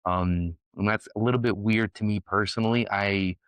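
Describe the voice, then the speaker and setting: A Ukrainian man in his forties hosts his own podcast, giving a casual, opinionated monologue that's blunt, profane and rambling, full of restarts. His fairly low voice stays steady at normal speed, in a dry, low-quality recording.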